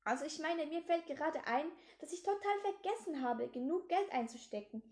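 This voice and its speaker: Woman doing a cornered young boy, storybook read-aloud; high, pleading, stammering. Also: animated, moderate pace, darkish tone. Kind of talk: storybook reading.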